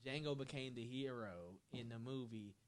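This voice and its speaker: A man in a casual group discussion, talking in an animated way, often repeating and restarting his phrases. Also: medium pitch, moderate pace.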